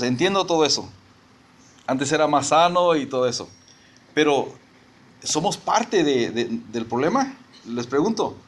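A middle-aged man, a pastor preaching a conversational sermon and often restarting his sentences. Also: on the high side.

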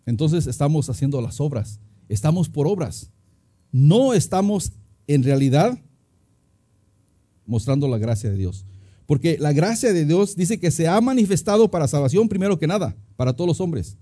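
A man's voice: on the high side, big pitch swings, moderate pace, warm tone. A middle-aged man preaching a sermon as a pastor, chatty and storytelling, acting out little scenes with many restarts. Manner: conversational preaching, acts out anecdotes, many restarts.

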